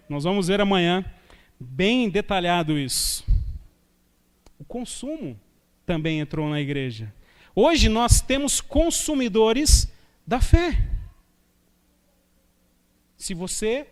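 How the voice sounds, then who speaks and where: A man preaching a sermon as a guest pastor, talking in a conversational way, telling anecdotes and asking rhetorical questions. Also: high-pitched. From Brazil. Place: church sanctuary. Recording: long church reverb from a live stream.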